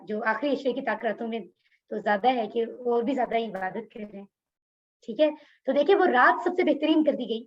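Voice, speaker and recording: High-voiced woman teaching an online class. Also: muffled recording. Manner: explanatory, asks the class questions. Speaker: Quran teacher. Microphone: video call.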